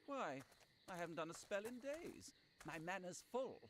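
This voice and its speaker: High-voiced, swooping, theatrical paladin. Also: male voice, sing-song, moderate pace, a bit bright, a little hiss or hum. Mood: grudging. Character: vain, righteous male paladin in a fantasy spoof. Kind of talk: video game character acting. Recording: game music behind the voice.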